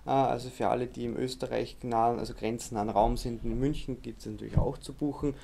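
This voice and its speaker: A man, explaining face reading as an interview guest in a steady, instructive way. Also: mid-range voice, a little fast, creaky, slight background noise. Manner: steady, instructive, many fillers.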